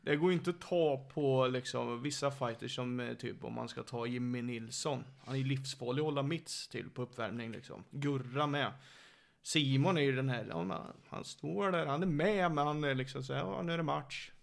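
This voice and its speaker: A man who coaches MMA fighters chats casually on a podcast in a creaky, mid-range voice. He's an animated storyteller who acts out what other people said.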